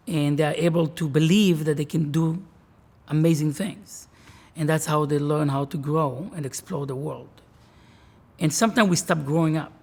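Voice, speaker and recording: A man speaks as a rabbi in an interview, sharing his outlook in an earnest, measured way. His voice sits a little high for a man and has a husky, breathy grain. He sometimes restarts a phrase as he searches for words. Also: darkish tone. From Israel. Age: 40s. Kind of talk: interview, reflective talk.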